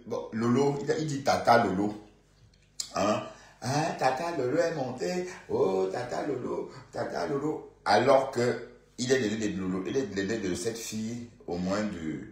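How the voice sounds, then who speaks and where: A man with a Bandundu Congolese French accent rambles through casual gossip on a live stream, peppering it with fillers and asides to his viewers. His voice sits low. The room around him is echoey. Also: darkish tone.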